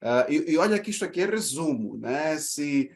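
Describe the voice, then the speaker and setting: A man's voice: fairly high pitch, very animated, normal speed, background noise. A man with a Mozambican Portuguese accent hosting a podcast and reacting to a guest's story. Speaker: podcast host. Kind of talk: casual chat.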